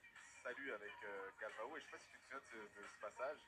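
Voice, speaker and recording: A man giving conversational fight analysis as a co-commentator, in halting, hesitant phrases. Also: fairly low pitch. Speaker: expert co-commentator. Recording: music playing under the voice.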